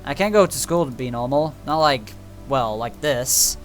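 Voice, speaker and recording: A man reading the lines of a guarded, worn-down teenage girl from a visual novel in a low, subdued voice. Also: lively intonation, moderate pace, faint music behind, close to an everyday voice.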